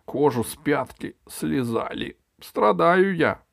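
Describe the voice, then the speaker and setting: A man's voice: high-pitched, expressive, measured pace, vocal fry, a little mellow, dry recording, clean studio sound, pitched above the performer's own voice, full character voice. A man voicing a whiny lazy king. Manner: whiny, complaining.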